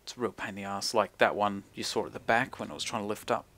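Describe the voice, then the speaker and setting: Recorded in a room at home, a young New Zealander with a broad accent narrates his gameplay as a gaming video creator, relaxed and slangy, with mumbled asides. His voice sits on the low side, gravelly and fairly bright, delivered fast with fairly even intonation.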